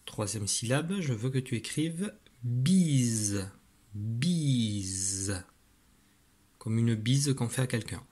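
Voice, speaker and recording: A man teaching a spelling lesson, slowly sounding out syllables with patient guidance to a child at home. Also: medium pitch, lively intonation, darkish tone, slightly rough. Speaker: primary school teacher.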